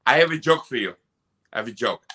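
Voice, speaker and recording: A man's voice: medium pitch, animated, fast talker, sharp tone, slightly rough. A man on a comedy podcast, telling crude jokes and rambling in loose, casual banter.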